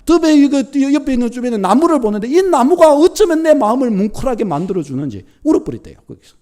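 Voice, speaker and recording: A middle-aged man preaching a sermon as pastor, telling a story with lively acted-out quotes. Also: very high voice, fast talker. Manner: animated storytelling, acting out quoted thoughts.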